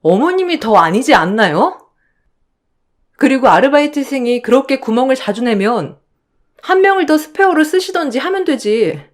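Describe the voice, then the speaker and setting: A woman's voice: high voice, big pitch swings, normal speed, pitched above the performer's own voice. A woman voicing a young wife who answers back firmly and indignantly, in a radio drama. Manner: firm, indignant retorts. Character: sharp-tongued young wife standing her ground.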